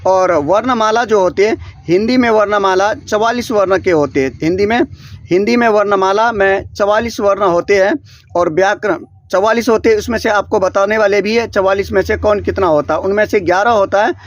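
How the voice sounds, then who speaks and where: High-voiced man drilling grammar questions. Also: normal speed, dry recording, highs cut off. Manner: repetitive question-and-answer drilling; frequent self-corrections and restarts. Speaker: teacher. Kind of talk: classroom-style grammar lesson. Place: small room beside a board.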